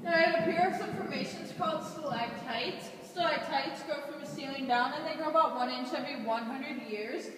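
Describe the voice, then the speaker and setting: Woman, cave tour guide, high voice, recited tour narration, long cave reverb, loud background noise. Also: fairly quick, few pauses. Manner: cave tour guide delivery, reciting facts and safety instructions. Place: inside a cave on a boat tour. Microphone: camera held by a passenger, away from speaker. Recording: echoey cave, distant handheld camera, loud noise.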